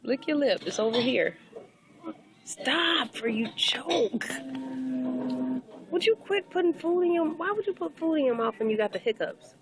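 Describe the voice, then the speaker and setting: A woman's voice: high voice, expressive, unhurried, pauses often, a crowd in the background. A woman filming a friend in a busy buffet restaurant, bossy and teasing as she scolds her to stop eating. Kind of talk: casual chat.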